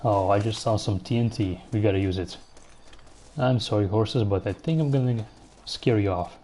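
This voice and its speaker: Mellow-voiced man narrating his gameplay. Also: fairly low pitch, moderate pace, slight background noise. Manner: relaxed, musing aloud while playing, answering chat. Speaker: live-stream gamer. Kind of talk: casual gameplay commentary.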